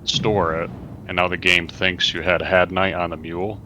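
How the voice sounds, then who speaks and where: A man's voice: low voice, level tone, moderate pace, sharp tone, a little hiss or hum, rough recording. A man in casual gaming chat, explaining things in a matter-of-fact way. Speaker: gaming friend.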